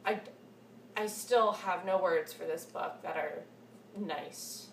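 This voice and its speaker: A woman's voice: on the low side, slow pace, vocal fry. A woman in her twenties chatting casually to camera about books, gushing and repeating words for emphasis, recorded in a room at home. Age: 20s. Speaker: book reviewer vlogger. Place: small cluttered room at home, indoors. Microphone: camera mic a short distance away. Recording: echoey room, distant mic, faint hiss.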